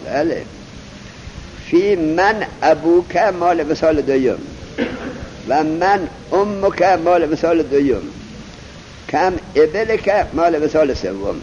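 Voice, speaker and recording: A man teaches a grammar class in a somewhat high voice, firing questions at his students and stretching out each example as he recites it. The recording is muffled and lo-fi, with a faint hiss underneath. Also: animated, darkish tone. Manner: drills students with questions, slow emphatic recitation. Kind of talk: classroom lesson on Arabic grammar.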